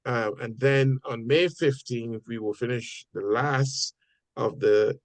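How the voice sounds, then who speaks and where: A man leading a church Bible study group, talking in a halting way with many fillers and repeated words. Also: medium pitch, no room sound. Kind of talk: casual group discussion. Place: church meeting room.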